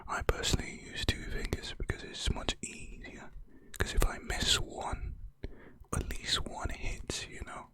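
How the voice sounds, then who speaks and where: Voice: unhurried, sharp tone. An ASMR creator whispering a tutorial on hand and nail sounds close to the mic, with joking, slangy asides.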